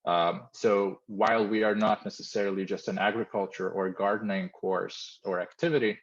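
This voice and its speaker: A man with a very low voice, from Mozambique, talks through his company's work in a careful, thoughtful way with plenty of fillers. He is heard over a video call, and the sound is dull and muffled. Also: steady tone, normal speed. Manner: thoughtful, explanatory, with frequent fillers. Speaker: company founder, interview guest.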